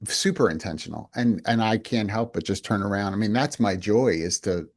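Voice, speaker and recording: A man's voice: on the low side, moderate pace. A male company president talking as a podcast guest, earnest and reflective, often restarting his sentences. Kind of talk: casual interview chat.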